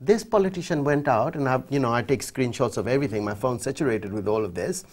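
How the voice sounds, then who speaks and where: A man's voice: mid-range voice, fast talker, darkish tone. A middle-aged man with a Fiji Indian accent, giving emphatic, articulate interview answers in formal language in a TV studio. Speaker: human rights official, interview guest. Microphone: lapel mic.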